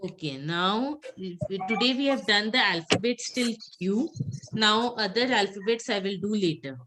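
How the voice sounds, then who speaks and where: Slow patient woman teaching French. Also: medium pitch, noisy background. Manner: patient, repeats words slowly for students. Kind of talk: online French class. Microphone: video call.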